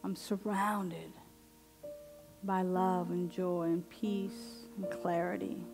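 A woman minister leading a guided affirmative prayer in slow, deliberate, meditative phrases with long pauses. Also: fairly low pitch, little pitch movement, vocal fry, music in the background. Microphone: headset microphone.

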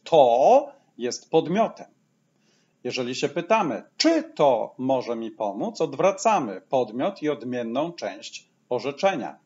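A man gives a patient language lesson, lingering over each example and repeating it slowly. His pitch rises and falls in a lively way. The recording sounds dull and lo-fi. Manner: says each English phrase slowly twice, explaining patiently. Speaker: English teacher.

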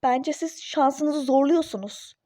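A woman's voice: sits high, takes it slowly, dark tone, slight background noise. A woman voicing an irritable, skeptical young pregnant mother in a phone-game role-play story, snappish and sarcastic. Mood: exasperated.

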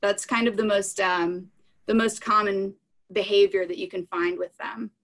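A woman in her thirties, a science educator presenting live animals, gives an informal live talk with audience questions from a small room at home. Her middling, gravelly voice has fairly even intonation and a moderate pace as she explains things plainly and simply for children. She speaks into a computer mic on a video call.

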